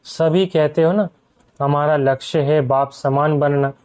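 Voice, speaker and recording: A man's voice: fairly high pitch, steady tone, unhurried, darkish tone. A man giving a spiritual discourse to a gathered audience, often putting rhetorical questions to his listeners. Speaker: spiritual speaker. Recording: dull lo-fi recording.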